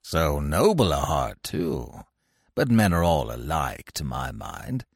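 A fawning, sly jackal, as a man puts him on, dropped much lower and quieter than the narration. He creeps through his flattery slowly in a gravelly murmur. The voice sits close in a dry space. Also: dry recording, heavily acted. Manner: low, soft, wheedling.

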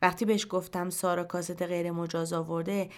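A woman reading a short story aloud in first person, in a quiet, measured storytelling voice. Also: on the low side, flat delivery. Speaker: narrator. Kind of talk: scripted narration of a short story.

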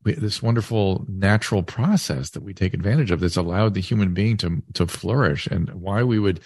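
A man hosting a casual interview, rambling and thinking aloud in a halting way. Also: sits low, a little mellow, no echo. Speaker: podcast host and interviewer.

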